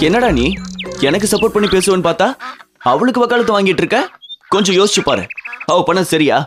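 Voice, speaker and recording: A brooding, self-pitying young man grumbles through his heartbreak in a TV serial scene. His voice sits a bit high, and a music score plays clearly behind him. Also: animated, fast talker. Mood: sulky. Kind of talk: TV serial acting.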